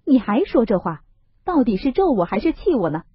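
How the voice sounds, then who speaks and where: An earnest, doting young nobleman, as a woman telling the story voices him, coaxing and pleading with a lively, husky voice. The recording is dull, lo-fi and dry. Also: medium pitch, normal speed, no echo.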